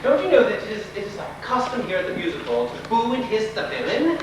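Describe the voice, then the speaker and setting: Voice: medium pitch, animated, natural voice. A stage actor playing a cheeky Victorian music-hall chairman, grandiose and teasing, bantering with the audience as master of ceremonies. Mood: teasing, mock-stern. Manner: grandiose, teasing, mock-stern, drawn-out alliterative delivery. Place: theatre stage with live audience behind. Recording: echoey theatre recorded far off, noisy audience.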